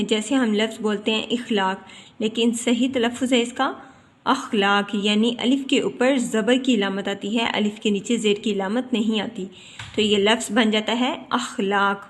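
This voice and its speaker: A woman teacher gives a pronunciation lesson, slowly and carefully spelling out the vowel marks of each word. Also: fairly high pitch, steady tone.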